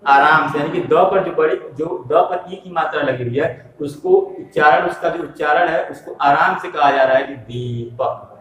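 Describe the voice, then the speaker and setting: A man teaching a primary school Hindi lesson step by step, patiently spelling out letters and asking questions that he answers himself. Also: fairly high pitch. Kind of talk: slow step-by-step classroom lesson. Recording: echoey room, voice from a distance.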